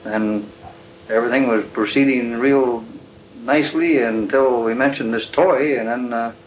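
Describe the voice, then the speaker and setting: A middle-aged male detective questioning a suspect on an old archival tape recording, speaking haltingly with many fillers. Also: medium pitch, steady tone, dull audio, slight background noise. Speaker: police detective interrogating a suspect. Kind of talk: police interrogation.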